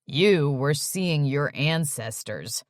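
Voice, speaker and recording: A woman voicing a playful young man who teases his friend in a sing-song, drawn-out way. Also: low-pitched, expressive, no echo, clean studio sound. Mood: teasing.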